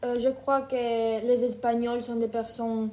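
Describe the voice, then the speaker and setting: A woman in her twenties from Ukraine, speaking French, answering interview questions thoughtfully with many pauses. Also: a little high, level tone, mellow. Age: 20s. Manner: hesitant, thoughtful, many fillers. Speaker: interview guest. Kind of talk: casual interview.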